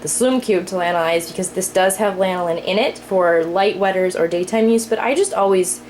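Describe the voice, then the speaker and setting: A woman's voice: fairly low pitch, a little fast, darkish tone, a little hiss or hum, poor audio. A young woman, a parent, chatting casually through an unscripted how-to demonstration at her kitchen sink, explaining as she works with plenty of fillers. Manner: chatty, lots of fillers, explains while working. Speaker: parent showing cloth diapering care.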